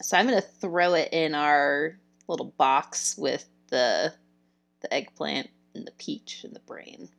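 A woman co-hosting a casual chat, speaking in a slow, easygoing way. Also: low-pitched, vocal fry. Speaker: co-host.

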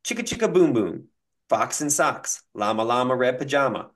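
Man, podcast host, casual chat, laughs between items, very lively pitch. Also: normal speed. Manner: lively, rattles off long lists with laughs. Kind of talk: casual podcast chat reading listener comments.

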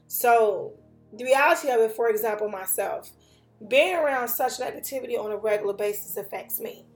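A woman's voice: a little high, normal speed. Earnest woman host in an echoey room. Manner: earnest, repetitive, emphatic. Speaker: podcast host. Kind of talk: motivational podcast talk. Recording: echoey room with faint music.

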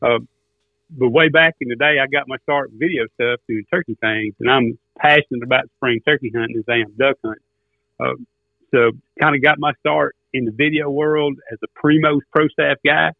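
A man's voice: medium pitch, fairly even intonation, moderate pace, creaky, no echo. Male, Arkansas Southern accent, folksy drawling storyteller, thin telephone-quality sound. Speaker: guest, duck caller and turkey hunter. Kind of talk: casual storytelling interview. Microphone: remote phone call. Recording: tinny, narrow phone line.

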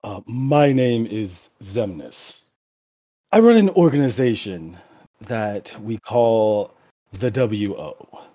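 Slow-talking game master, lively pitch. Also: male voice. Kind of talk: narrating a tabletop game.

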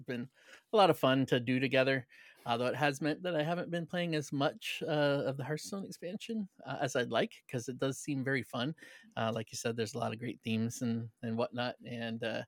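A man co-hosting a podcast, chatting in a relaxed way with many fillers. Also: medium pitch, brisk, dry recording, studio quality. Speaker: podcast co-host. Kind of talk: casual chat.

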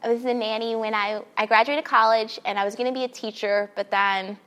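A children's librarian in her thirties from Queens, New York City, chats as a podcast guest in a casual interview. Her voice is a little high and a bit bright, with a steady tone and a fairly quick pace. She's upbeat and laughs often.

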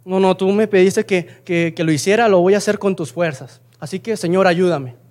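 A frail young man pleads earnestly with God, stumbling over his words, as a preacher acts him out. The voice sits fairly high for a man and sounds sincere. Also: normal speed, a little mellow, close to an everyday voice. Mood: pleading. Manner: pleading, stammering.

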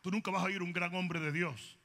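Brief: bright, gravelly-voiced male preacher, comic and loud, echoing hall. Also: high voice, fairly even intonation, fairly quick. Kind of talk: sermon. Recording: long hall reverb.

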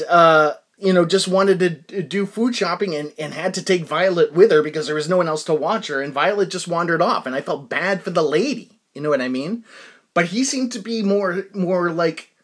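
A man's voice: sits high, normal speed, a bit bright. Rambling, chatty man telling a personal story. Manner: rambling, chatty, many restarts and asides to listeners. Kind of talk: casual personal anecdote monologue.

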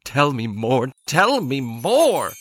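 A man's voice: on the high side, big pitch swings, measured pace, pushed and bright, husky, soft background music, full character voice. A man playing a fretful, well-meaning snowman ornament in a children's audio drama, earnest and eager. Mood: eager, amazed.

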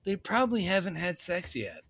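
A man's voice: sits high, huge pitch swings, a little fast, fairly bright tone. A man co-hosting a podcast, recapping a movie in a blunt, joking way. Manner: joking, blunt, restarts sentences. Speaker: podcast co-host. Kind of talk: casual chat recapping a movie.

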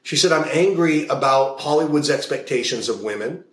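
A man's voice: fairly high pitch, expressive, moderate pace, fairly bright tone, a little hiss or hum. Man telling coaching stories in an echoey room. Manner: explains in long stories, repeats key phrases. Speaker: guest, hypnotist and values coach. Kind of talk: casual interview talk with anecdotes.

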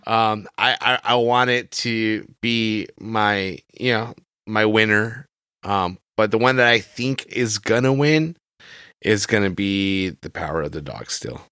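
A man's voice: on the low side, unhurried, sharp tone, clear, resonant tone, no echo. A man co-hosting a casual film podcast, talking in a slangy, buddy-to-buddy way. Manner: slangy, calls his partner brother, dude and man. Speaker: podcast co-host.

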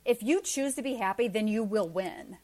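A woman's voice: medium pitch, moderate pace, dark tone. Woman, forties, interview guest; candid, chatty, wry. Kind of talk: casual interview chat.

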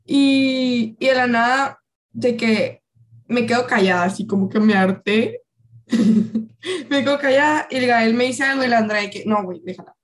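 Girl rambling on a podcast, kinda high voice, lots of o sea. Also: measured pace. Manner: rambling, filler-heavy storytelling. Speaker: podcast co-host. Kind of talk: casual chat.

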